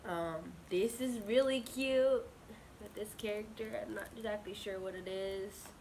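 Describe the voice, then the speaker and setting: A woman with a cold chatting casually and gushing with excitement as she presents an unboxing vlog. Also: mid-range voice, a little hiss or hum. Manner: gushing, bubbly, drawn-out words. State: slightly sick, with a cold. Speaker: unboxing vlogger.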